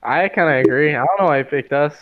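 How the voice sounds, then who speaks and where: A man's voice: on the high side, fast. A man playing in a tabletop game online, joking and recapping names. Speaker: player. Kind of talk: casual game chat. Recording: dull lo-fi voice chat.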